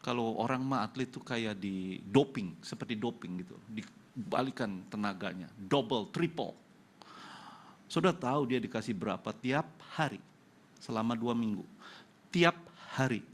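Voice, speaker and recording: A man's voice: mid-range voice, animated, normal speed. A male pastor with an Indonesian accent giving an emotional testimony sermon in church, acting out the dialogue of the people in his story.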